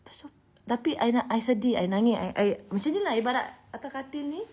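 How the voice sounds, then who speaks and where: A woman in her thirties with a Malaysian Malay accent, telling a personal story in a vlog, emotional and animated, dropping to hushed whispers and rising to loud bursts. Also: a little high, quick pace. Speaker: singer.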